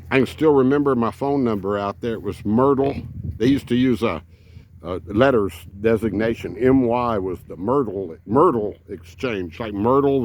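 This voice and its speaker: A man in his 70s, an RV vlogger, spins rambling folksy stories in a lowish, slightly mellow voice. His casual storytelling is full of fillers.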